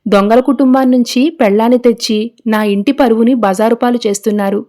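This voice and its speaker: A woman's voice: on the high side, steady tone, brisk, warm tone, close to an everyday voice. A woman voicing a domineering middle-aged mother-in-law who scolds and accuses in a storybook recap. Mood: accusing.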